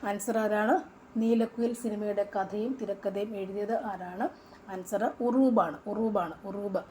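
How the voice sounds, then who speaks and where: A woman with a Malayali accent walks through exam questions as a coaching teacher, repeating each answer and tossing in rhetorical questions. Her voice is mellow and relaxed at an average pitch. A faint noise sits under the recording. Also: a little slow. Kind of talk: casual exam-question walkthrough.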